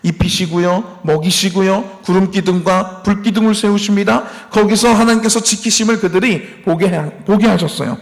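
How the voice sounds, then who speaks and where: A man with a high voice preaches in a church hall, and the sound rings on in a long reverb. He tells the story like a storyteller and acts out the lines he quotes. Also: normal speed, few pauses. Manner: storytelling, acting out quoted complaints and God's words. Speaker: pastor. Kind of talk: sermon. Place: church sanctuary.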